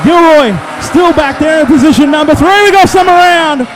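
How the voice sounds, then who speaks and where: An Australian man calling a race as a motorsport commentator, excited, colloquial and punchy. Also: extremely high pitch, moderate pace, background noise. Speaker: speedway race commentator and trackside interviewer. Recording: loud race car engines behind the voice. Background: race cars, engines and tyre squeal.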